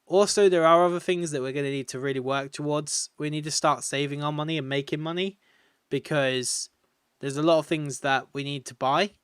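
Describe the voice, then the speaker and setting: A man's voice: a little high, fairly even intonation, a little fast, fairly bright tone, clean tone, no room sound, clean studio sound. A tired man, chatting casually and rambling while live-streaming a video game, often laughing at his own jokes.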